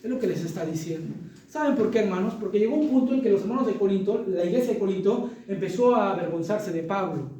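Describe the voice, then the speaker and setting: A man preaches with a very high, mellow voice, pressing each point and turning to his congregation with rhetorical questions. The sound is heavily echoey and picked up from far off in a church hall, as if the mic sits well away from him. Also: animated, fast talker. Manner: emphatic, keeps addressing the congregation as brothers. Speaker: pastor. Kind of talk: sermon.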